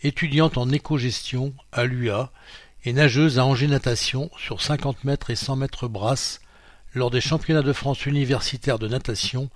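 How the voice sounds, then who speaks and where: A man reading a printed magazine aloud in French, announcing page numbers and quotation marks in a steady, informative way. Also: mid-range voice, moderate pace, dry recording, clean studio sound. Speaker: magazine reader.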